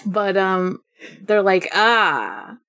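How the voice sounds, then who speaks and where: A woman's voice: medium pitch, normal speed. A woman co-hosting a podcast in casual chat, often laughing and acting out lines. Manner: laughing, acts out quotes with swearing. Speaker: podcast co-host.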